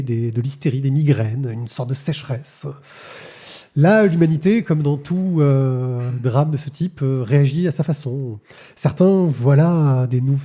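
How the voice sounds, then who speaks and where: Halting, bright-voiced podcast man. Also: fairly high pitch. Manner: halting, many fillers and repeated words. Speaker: podcast host reviewing comics. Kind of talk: casual podcast chat. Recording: live-streamed podcast.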